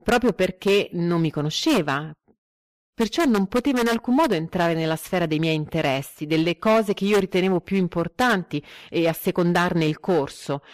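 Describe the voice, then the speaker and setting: Woman narrator, lowish voice, measured literary reading, dry close recording. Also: no room sound. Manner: measured, expressive reading with lively quoted dialogue.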